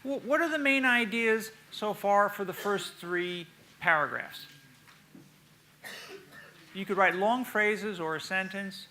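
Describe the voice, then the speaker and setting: A woman's voice: mid-range voice, slow, long pauses, bright, forceful tone, slight background noise, poor audio. A woman presenting from the podium at a conference workshop, giving instructions and posing questions to the audience. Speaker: presenter leading a reading workshop. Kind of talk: podium speech, interactive conference teaching.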